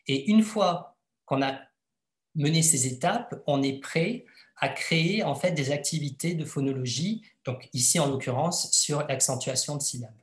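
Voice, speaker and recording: A man gives an educational webinar presentation, his voice sitting a little high. He speaks hesitantly, pausing on filler sounds as he explains, and the recording has an echoey room sound.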